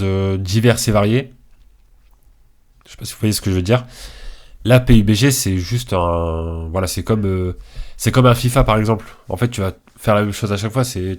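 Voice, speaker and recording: A man's voice: lowish voice, darkish tone. A young man with a head cold, giving hesitant, casual commentary on a ranking list, full of fillers and restarts. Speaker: video creator.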